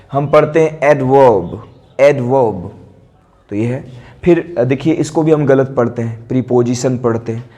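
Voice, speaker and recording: A man with an Indian accent giving an exam-prep English lesson, walking through phonemic transcription and repeating each example word slowly. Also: mid-range voice, darkish tone. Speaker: English teacher.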